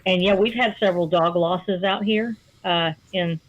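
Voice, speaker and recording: A woman's voice: fairly low pitch, normal speed, a little hiss or hum. A woman chatting casually as a guest, laughing often and stumbling over her words. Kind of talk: casual chat. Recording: dull lo-fi sound.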